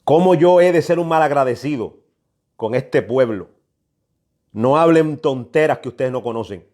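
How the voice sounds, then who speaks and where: A New York man preaches a prophetic sermon of exhortation, emphatic and admonishing, repeating phrases for weight. His voice is medium in pitch with a darkish tone, delivered at a moderate pace.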